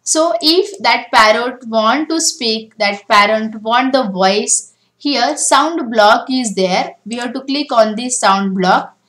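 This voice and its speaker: A woman whose voice runs on the high side, a bit bright, explains a beginner coding lesson one step at a time over her screen, frequently beginning with "now." The recording quality is low.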